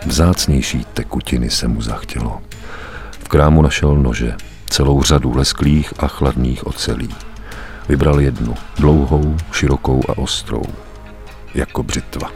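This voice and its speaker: A man reading a story aloud as a narrator, grave and measured, with weighty pauses. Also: a bass voice, steady tone, darkish tone, faint music behind. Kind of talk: dramatic audiobook narration.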